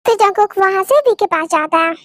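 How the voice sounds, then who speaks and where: A woman tells a fan-made drama in a plain storytelling way. Her voice is very high. She is recorded close and dry. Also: lively intonation, fairly quick, no echo. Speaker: narrator.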